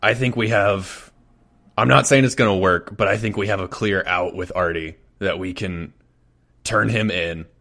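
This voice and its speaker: A man's voice: deep voice, moderate pace, a bit bright. A man playing a tabletop role-playing game, laughing often and talking through his character's plans. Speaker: player.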